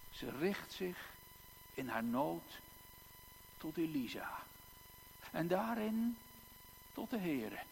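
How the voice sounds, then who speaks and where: A male pastor preaching a sermon in a church, slow and emphatic, with long dramatic pauses and repeated words. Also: high voice, vocal fry. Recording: echoey church hall, faint hum.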